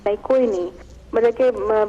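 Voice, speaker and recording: A woman's voice: a little high, a little hiss or hum. A woman calling in to a show, speaking hesitantly with restarts. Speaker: caller. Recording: dull phone line with echo.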